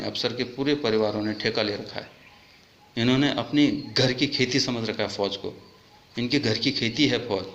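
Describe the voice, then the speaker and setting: A man delivering an impassioned, accusatory monologue as a soldier speaking out, his voice rising into loud outbursts. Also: medium pitch. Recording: echoey room with faint ambient noise.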